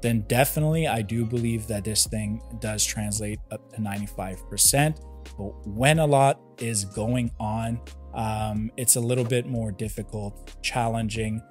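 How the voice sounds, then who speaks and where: A man's voice: on the low side, normal speed, darkish tone. A man giving a casual product review, explaining things step by step with examples. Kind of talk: casual review narration to viewers. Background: background music.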